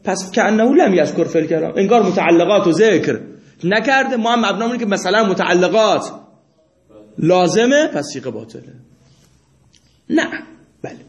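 A man gives a seminary lesson, reading passages aloud and then explaining them. His voice sits a little high for a man. He keeps asking his students questions and answering them himself, and the room around him rings with a clear echo. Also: sing-song, pauses often. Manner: reads Arabic passages aloud. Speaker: seminary teacher. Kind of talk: lecturing on Islamic jurisprudence.

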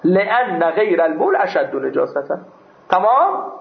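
His voice is high-pitched and gravelly, with big pitch swings, as he reads Arabic text aloud in a seminary class. He explains by question and answer and occasionally jokes with his students. The recording has a dull, echoey classroom sound.

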